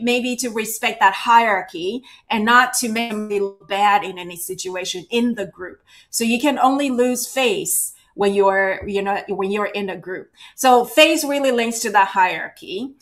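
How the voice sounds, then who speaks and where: A woman trains people in cultural awareness during a virtual workshop, heard through a video call. She sounds conversational, sprinkling in "right?" and "you know" to check in often, and her mid-range voice has a fairly bright tone at a normal pace.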